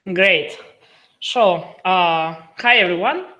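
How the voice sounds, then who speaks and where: A young woman from Greece gives an online lecture over a video call, her voice bright and clear. She talks in a friendly way, with frequent filler pauses as she explains her topic. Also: on the low side, dull audio. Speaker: guest lecturer.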